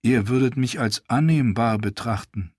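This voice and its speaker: A man's voice: mid-range voice, moderate pace, no echo, studio quality, natural voice. A man reading an audiobook, voicing an earnest young prince who speaks in a formal, stiff way.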